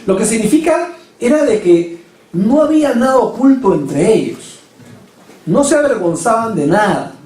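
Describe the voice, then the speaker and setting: A man preaches a sermon in a high, mellow voice. He drives each point home with emphatic rhetorical questions. The sound carries through an echoey church hall from a mic set some way off. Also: sing-song, normal speed, distant mic. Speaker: pastor.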